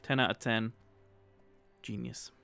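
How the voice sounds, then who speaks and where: A man with a northern English accent giving jokey, excitable commentary while livestreaming a video game. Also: medium pitch, slow, vocal fry, soft background music. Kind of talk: casual gameplay commentary.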